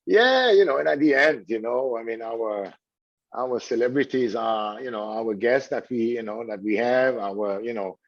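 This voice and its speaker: In dull, lo-fi audio, a Swiss hotel general manager whose first language is French responds to an interviewer's questions. Speaking at an ordinary middle pitch, he halts and restarts often, repeats words and fills gaps with "you know."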